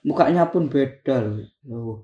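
A man chatting casually as a podcast co-host, often pausing to search for words. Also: medium pitch, lively intonation, muffled recording. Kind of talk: casual chat. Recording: echoey room.

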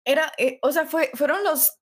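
A young woman with a Costa Rican accent, co-hosting a podcast and telling a story in an animated, laughing way. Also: high-pitched, normal speed. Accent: Costa Rican Spanish. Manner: animated storyteller, tag questions, laughs often. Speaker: podcast co-host. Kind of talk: casual storytelling chat.

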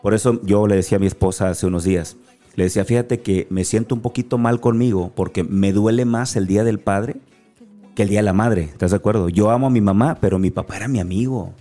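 A man with an Acapulco Mexican accent speaks as a guest in an interview, a lively storyteller who acts out the conversations he recounts. His voice sits fairly low and sounds mellow and dark. Faint music plays under the talk. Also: fast. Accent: Mexican Spanish, from Acapulco. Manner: animated storyteller, acts out dialogue.

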